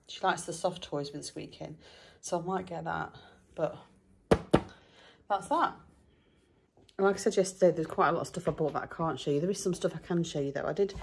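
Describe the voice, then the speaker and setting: A woman's voice: deep voice, a little hiss or hum. A middle-aged woman, chatting casually and rambling through her day to a handheld camera at home. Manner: chatty, rambling, self-deprecating. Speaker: vlogger. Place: home and back garden.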